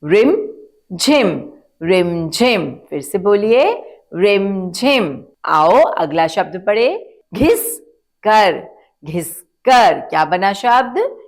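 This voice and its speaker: A woman's voice: mid-range voice, animated. A woman teacher giving a children's phonics lesson, stretching out syllables and asking the kids to repeat words. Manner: slow, drawn-out syllables, asks children to repeat.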